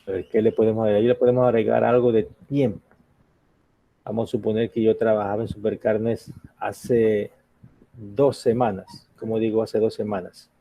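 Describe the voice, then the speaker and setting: A man's voice: fairly low pitch, flat delivery, normal speed, vocal fry, dark tone, rough recording. A man teaching an English grammar lesson in Spanish, patiently asking the class questions and checking in with "ok?".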